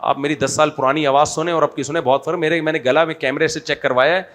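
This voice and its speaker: A man giving an informal religious talk with a hoarse voice, blunt and mocking, telling stories with animated swings between loud jabs and low asides. He speaks Urdu with a Pakistani accent. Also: fast. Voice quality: hoarse throat he calls swollen. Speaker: religious scholar.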